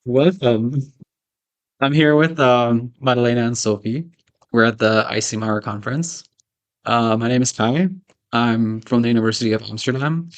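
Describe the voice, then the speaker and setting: A young man hosting a casual conversation, asking questions in a relaxed way with frequent fillers. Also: mid-range voice, normal speed, dull audio. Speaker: host, interviewer.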